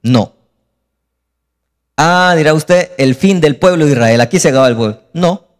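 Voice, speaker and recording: A man preaching a sermon as pastor, lively and acting out scenes. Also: on the high side, moderate pace, in a large hall.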